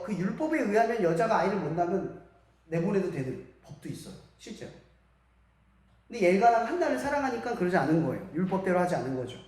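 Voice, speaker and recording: Young woman preaching in a very echoey hall. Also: medium pitch. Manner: animated, asks the audience many rhetorical questions. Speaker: preacher at a school church service. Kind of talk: sermon to young people. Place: church hall.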